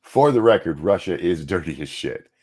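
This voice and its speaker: He co-hosts a casual show about politics, and his voice is low, slightly rough, a little mellow, with lively intonation at a moderate pace. Between news items read aloud, he jumps into mocking, sarcastic asides and curses without hesitation.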